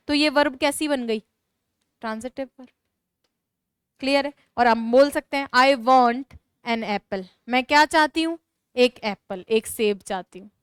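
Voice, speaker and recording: A woman's voice: sits high, dry recording, clean studio sound. A woman teaching English grammar to a class, dictating notes and repeating key phrases emphatically. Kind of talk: classroom lesson explaining grammar.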